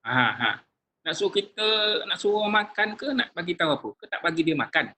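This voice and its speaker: A male religious teacher giving a lecture to a class, lively and acting out sample phrases in changing tones, addressing listeners warmly with frequent religious phrases. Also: sits high, fast, a little hiss or hum, rough recording.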